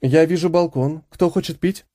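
A man voicing a gentle, worried mother of a fleeing family, speaking softly and soothingly. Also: a little high, fairly even intonation, normal speed, dry recording, studio quality, lightly acted. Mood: reassuring. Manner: soft, soothing.

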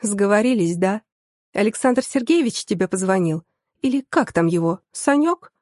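A woman voicing a fiery, sarcastic young woman in an audiobook, sharp, mocking and quick to flare up. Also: mid-range voice, animated, no echo, clean studio sound, lightly acted. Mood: indignant. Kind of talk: audiobook character voice.

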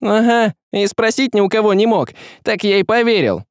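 A man voicing a hot-tempered young villager, shouting accusations in a high, strained voice, in a dry close recording. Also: wildly swooping pitch, measured pace, no room sound, full character voice. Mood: accusing.

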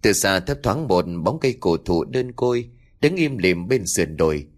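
A man narrating a ghost story in an expressive, dramatic storytelling style. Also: lowish voice, moderate pace. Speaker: audiobook narrator.

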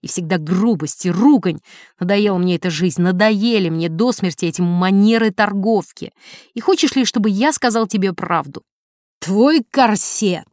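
A woman's voice: mid-range voice, lively intonation, moderate pace, darkish tone, no echo, studio quality, close to an everyday voice. Woman reading as a fawning, pleading husband. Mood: outraged. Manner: coaxing, pleading. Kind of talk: audiobook character reading.

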